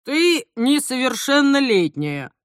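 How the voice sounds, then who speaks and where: A tired, stern police major, read by a woman speaks in a gruff, businesslike tone. His bright delivery swings lively up and down, and the sound is close and dry. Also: high voice, slow pace, dry recording, pitched above the performer's own voice, heavily acted. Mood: stern official. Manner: gruff, official, sighing.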